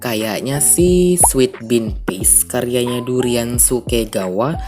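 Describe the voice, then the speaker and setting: A man's voice: medium pitch, takes it slowly, music in the background. A young man with an Indonesian accent and a congested, stuffy nose, chatting casually to viewers as a book vlogger and slipping in English phrases.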